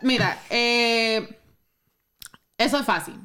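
A woman in casual chat who slips English phrases into her Spanish, talking haltingly with many restarts and laughs. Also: fairly high pitch, bright, forceful tone.

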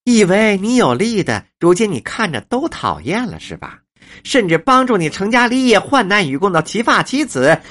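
A woman voicing a fierce, sharp-tongued older wife in a storybook reading, lecturing with scorn. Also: lowish voice, exaggerated voice.

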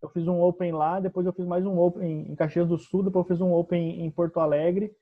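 A young man speaks in a calm, understated way as he tells his story. His voice sits a little high. The recording sounds dull and lo-fi. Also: a little fast. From southern Brazil. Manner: relaxed, soft-spoken storyteller. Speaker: stand-up comedian guest. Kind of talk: casual podcast conversation.

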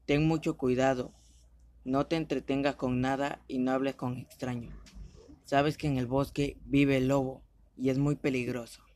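A man voicing a caring, cautious mother in a read-aloud fairy tale, speaking with a gentle warning tone. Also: medium pitch, level tone, moderate pace, lightly acted.

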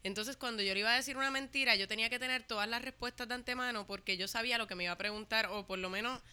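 A woman's voice: on the high side, racing, pushed and bright, clear, resonant tone. A woman in casual conversation, candid and swearing freely, mixing English phrases into her talk. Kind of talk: casual chat.

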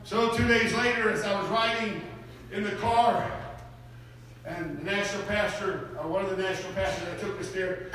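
A man preaching a sermon, telling a story with growing excitement, laughing and breaking into shouts. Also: sits high, slight background noise. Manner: animated, builds to shouts, laughs often. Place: church sanctuary. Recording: echoey hall from far off.

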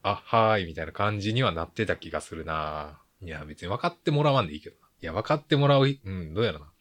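A man's voice: deep voice, animated, fast talker. A man with a Kansai Japanese accent giving a casual solo film review, talking bluntly in rambling, grumbling colloquial asides.

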